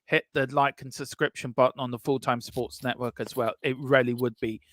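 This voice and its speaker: A man's voice: medium pitch, steady tone, brisk, a bit bright, dry recording. A man hosting a live watchalong stream, chatting casually and rambling with lots of fillers. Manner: rambling, full of fillers and restarts. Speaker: stream co-host.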